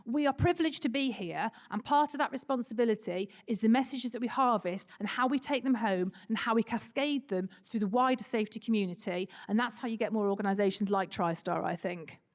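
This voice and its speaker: A woman's voice: a little high, fairly quick, hardly any pauses. A woman speaking on a conference panel, emphatic and repeating phrases for effect. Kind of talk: panel talk. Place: conference hall.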